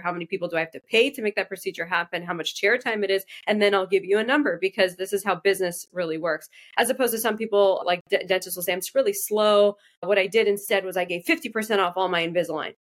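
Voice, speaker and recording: A female dentist from Iraq, appearing as a guest, talks casually in an interview in a lowish, slightly bright voice. She speaks fast, frequently restarting and correcting herself mid-sentence.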